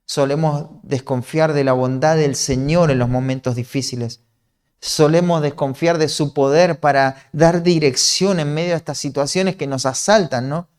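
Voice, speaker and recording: A man's voice: on the high side, steady tone, moderate pace, darkish tone, clean tone. A man from Argentina with a Rioplatense accent, preaching an earnest, explanatory sermon that often checks in with a questioning "¿no?". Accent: Rioplatense Spanish.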